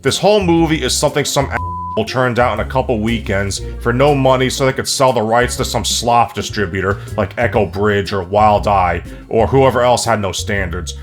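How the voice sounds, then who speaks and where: A man narrating a comedic movie review in a sarcastic, profane, deadpan way. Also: medium pitch. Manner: snarky, profane, deadpan jokes.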